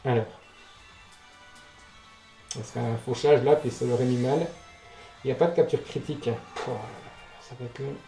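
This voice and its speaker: A man's voice: medium pitch, fairly even intonation, moderate pace, gravelly, long pauses. Casual male gamer in a roomy space. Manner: reacts out loud, swears, talks to the game. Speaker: gaming video host. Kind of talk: casual let's play commentary. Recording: roomy echo, game music behind. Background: game music.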